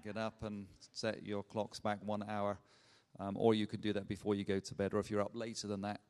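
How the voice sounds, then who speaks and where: Man, lowish voice, hesitant church announcements, echoey sanctuary. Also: monotone, brisk, darkish tone. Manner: hesitant, many filler sounds, light humor. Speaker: church leader giving announcements.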